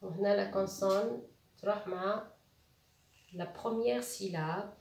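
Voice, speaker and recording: Slow woman teacher, roomy sound. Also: mid-range voice, creaky, darkish tone, slight background noise. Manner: slow, spelling out letters and syllables; mixes French with Arabic. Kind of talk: syllable-by-syllable reading lesson. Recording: roomy and distant from the mic.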